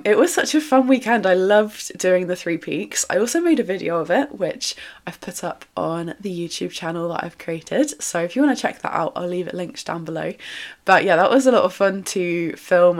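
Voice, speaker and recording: A young woman in her twenties hosts her own podcast, talking in a loose, upbeat way with plenty of fillers and small laughs. Her voice sits a little low for a woman. A leftover cough roughens her throat. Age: 20s. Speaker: podcast host. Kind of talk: casual solo podcast chat.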